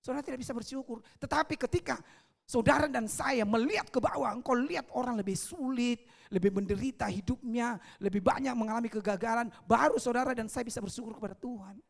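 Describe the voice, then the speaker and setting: A man's voice: very high voice, quick pace, creaky. A man, preaching a sermon as an evangelist at a church service, emphatic and repetitive, often calling out to the congregation. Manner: emphatic, repeats phrases, often calls out to the congregation.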